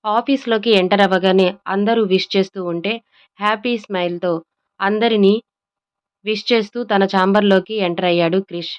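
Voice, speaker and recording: ఒక మహిళ తెలుగు ఆడియో కథను అన్ని పాత్రలను చేసుకుంటూ చదువుతోంది. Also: female voice, medium pitch, fairly quick, muffled recording. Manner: smooth even storytelling, acting out all characters. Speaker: storyteller. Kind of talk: scripted audio story narration.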